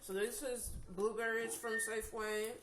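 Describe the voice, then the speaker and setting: A woman's voice: on the high side, flat delivery, moderate pace. A tired woman recovering from surgery, casually giving practical advice to viewers in a vlog. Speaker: vlogger sharing her jaw surgery recovery. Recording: echoey room with clear background noise.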